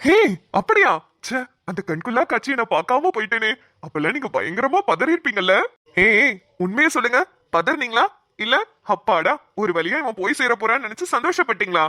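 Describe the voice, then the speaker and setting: A woman's voice: on the high side, very animated, brisk, pushed and bright, no room sound, clean studio sound. A woman voicing a playful, teasing young man in a cartoon. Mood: joking. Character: joking young man recovering in hospital. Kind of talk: cartoon voice acting.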